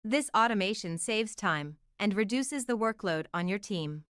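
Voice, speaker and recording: A woman's voice: medium pitch, animated, moderate pace, fairly bright tone, clear, resonant tone, dry recording, studio quality. A woman reading scripted practice sentences as dictation, each as a separate item.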